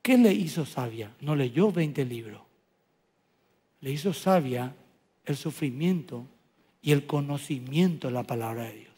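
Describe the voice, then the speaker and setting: A man preaching as a pastor, swinging between loud bursts and soft, hushed lines. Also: mid-range voice, expressive, measured pace, long pauses, husky. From Paraguay. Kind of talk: sermon. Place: church auditorium. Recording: large hall with long reverb.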